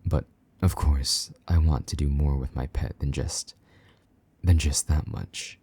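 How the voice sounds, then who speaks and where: A man plays a jealous, possessive vampire knight in intimate audio roleplay, murmuring low and slipping into soft whispers with a teasing, slightly gruff edge. His tone is steady and his pace a little slow, in a heavily acted, tender performance.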